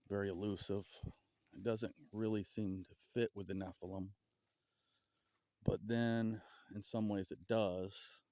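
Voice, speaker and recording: A man with a Southern US accent vlogging outdoors in a forest, rambling and halting with stutters and restarts as he muses aloud. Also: low voice, dark tone, no room sound. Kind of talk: casual outdoor vlog musing.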